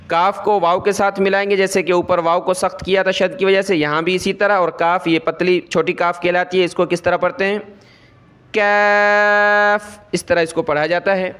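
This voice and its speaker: A man with a Pakistani Urdu accent gives a Quran reading lesson, spelling out Arabic letters: he explains quickly, then draws out each letter sound slowly. His voice is high-pitched and fairly bright, with a clean tone.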